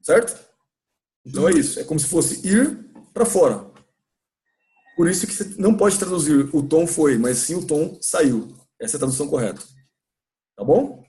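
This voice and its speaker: A man's voice: fairly high pitch, expressive, normal speed, pauses often, dark tone. A man with a Brazilian Portuguese accent teaching an English grammar class in a church classroom, patiently questioning students and repeating points.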